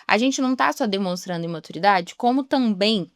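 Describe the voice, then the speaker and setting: A young woman speaks in a chatty, conversational way, slipping into the voices of people she quotes. Her voice sits at a middle pitch for a woman. The sound is dry, with no room echo. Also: lively intonation, brisk, smooth. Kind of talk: reflective devotional talk.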